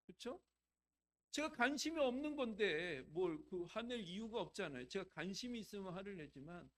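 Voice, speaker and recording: A middle-aged man, a pastor, preaching a sermon in a conversational way, asking the congregation questions and swinging from hushed to loud. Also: sits high.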